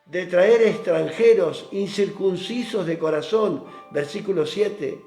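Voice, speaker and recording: A man preaching a devotional sermon, reading scripture slowly and stressing points to the brethren. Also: sits high, dark tone. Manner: reads scripture slowly, drawn out, with emphatic asides to the brethren. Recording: roomy echo with faint instrumental music. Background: faint instrumental music.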